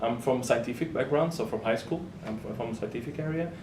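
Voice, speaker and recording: A man from Portugal, a software developer chatting casually in an interview. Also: mid-range voice, fast talker. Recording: echoey room with faint hum.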